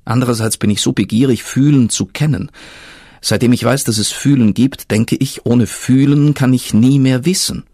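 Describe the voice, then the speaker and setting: A man voicing a clever, curious spirit of thinking in a storybook reading, asking earnestly with a husky tone. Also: mid-range voice, normal speed, a little mellow, no echo, clean studio sound, close to an everyday voice. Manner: earnest, questioning.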